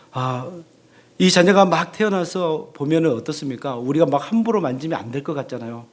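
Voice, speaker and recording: A man preaching a Sunday sermon in a church, animated, acting out the voices of parents he quotes. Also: a little high. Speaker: pastor. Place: church sanctuary.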